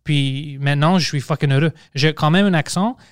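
A man's voice: fairly high pitch, moderate pace, clean tone, no room sound, clean studio sound. A man born in Quebec, a podcast host chatting casually and swearing offhandedly. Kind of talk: casual conversation.

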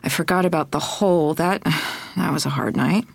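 A woman's voice: deep voice, moderate pace, vocal fry, breathy edge, no echo, heavily acted. A woman playing an anxious wife hoping to adopt, who keeps apologizing and talks herself through things in an audio drama. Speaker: wife preparing for an adoption home visit.

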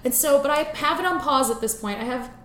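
A woman hosting a comedy podcast, telling a story in an animated, chatty way. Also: sits high, quick pace. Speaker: podcast host. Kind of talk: casual comedic chat. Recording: echoey room, faint background noise.

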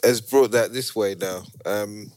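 A man with a London accent chatting casually as a podcast co-host, grumbling through drawn-out descriptions. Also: lowish voice, a little mellow. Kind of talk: casual chat.

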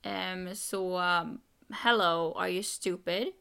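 A woman's voice: on the low side, creaky, smooth. A young woman co-hosting a podcast, telling a story in casual chat and quoting people with rising emphasis. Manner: animated, quoting others with "jag bara" and rising emphasis. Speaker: podcast co-host.

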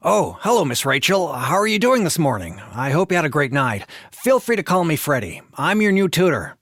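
A woman doing a friendly tutor guy, polite, lower voice. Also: very animated, a little fast, dry recording, clean studio sound, full character voice.

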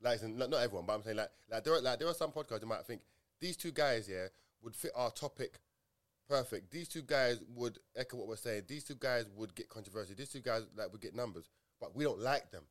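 Male podcast co-host, London roadman accent, very quick delivery, slangy and emphatic, hammering points through repetition. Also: medium pitch. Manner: repeats and rephrases points emphatically, heavy slang.

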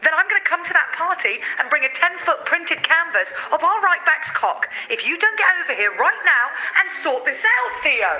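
A brash boss on speakerphone. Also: female voice, very high-pitched, sing-song, moderate pace, hardly any pauses, pushed and bright, heavily acted. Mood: furious. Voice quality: blunt, profane, bossy. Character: brash, foul-mouthed woman football club boss. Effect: heard over a speakerphone. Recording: muffled speakerphone sound.

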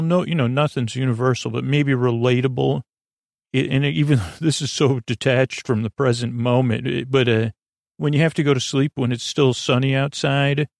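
In a calm, improvised bedtime podcast monologue, the host wanders from thought to thought and trips over his words, his voice creaky. The sound is studio quality with no echo.

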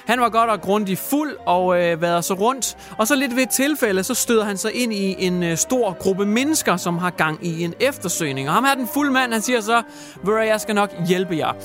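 A man's voice: high voice, lively intonation, hardly any pauses, a bit bright, soft background music. A man hosting a radio show, retelling odd news stories in a jokey, crude and theatrical way. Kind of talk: comic radio news chat.

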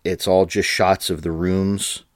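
A man co-hosting a podcast in casual chat, laughing often and filling pauses with ums and restarts. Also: low-pitched, flat delivery, dry recording, studio quality. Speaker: podcast co-host.

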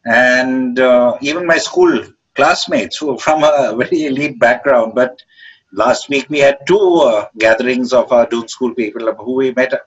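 A man in his seventies with an educated upper-class Indian English accent, giving reflective interview answers in a halting, hesitant way as he searches for words. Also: medium pitch, breathy edge. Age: 70s. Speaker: interviewed author. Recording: dull, muffled lo-fi call audio.

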